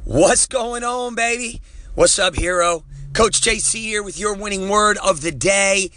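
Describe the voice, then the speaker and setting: Guy w/ a high bright voice hyping you up like a coach, casual slang, talking on the road. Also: measured pace, slight background noise. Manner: energetic, preachy, casual slang. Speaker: motivational coach and show host. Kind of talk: upbeat motivational talk. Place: in a vehicle.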